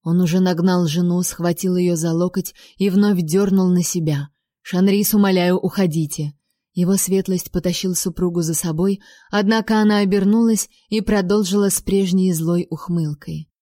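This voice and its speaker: Mellow-voiced woman narrating an audiobook. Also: on the low side, fairly even intonation, moderate pace, dry recording, studio quality. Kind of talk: first-person audiobook narration.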